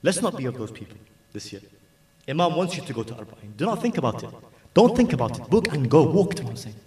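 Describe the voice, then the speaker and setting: A man's voice: mid-range voice, big pitch swings, quick pace, a little mellow. A man giving an urgent, pleading religious exhortation at a mourning gathering, repeating his phrases for emphasis. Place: large gathering hall. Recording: echoey hall, mic at a distance.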